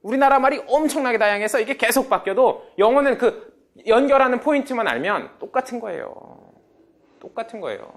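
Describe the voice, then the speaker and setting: A man's voice: very high voice, lively intonation, a little fast. A man teaching a beginner English class, prompting students and drilling phrases. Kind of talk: lively classroom lecture.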